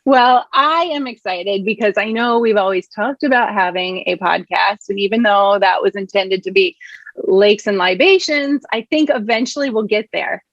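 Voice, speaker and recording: Laughing frequently, a woman hosting a podcast brings in her guest and subject with earnest, upbeat energy. Her voice sits at a medium pitch, and the dull-sounding recording carries no room sound, fitting the casual interview format.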